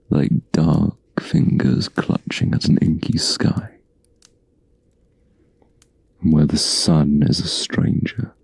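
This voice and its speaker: Grave and brooding in mood, this dry recording features a man fully voicing a protective, gentle huntsman for a hushed ASMR fantasy roleplay. He speaks slowly in a low, gravelly, breathy register, using old-fashioned, soothing turns of phrase.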